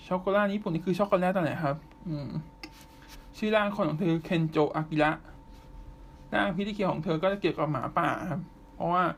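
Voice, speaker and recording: A man's voice: sits high, creaky, slight background noise. Chatty man hosting an anime podcast. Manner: chatty, pauses often with drawn-out fillers. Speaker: podcast host. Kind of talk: casual solo anime news chat.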